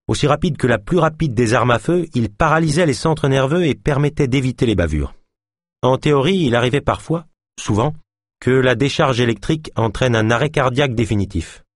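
A man narrating a thriller novel as an audiobook in a steady, measured reading. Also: medium pitch, no echo, studio quality.

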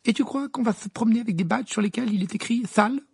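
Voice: medium pitch, fast, vocal fry, a little mellow, slightly rough, dry recording, clean studio sound, pitched above the performer's own voice. An audiobook reader voicing Ron, a sceptical teenage boy who drawls dismissive remarks. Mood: mocking. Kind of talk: audiobook character voice.

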